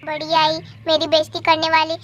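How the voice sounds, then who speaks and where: A woman's voice: sits high, completely flat delivery, fairly quick, dull audio, pitched below the performer's own voice, lightly acted. A woman voicing a sleepy, mischievous little boy doll who talks in a whiny, protesting way. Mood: indignant. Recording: loud background noise.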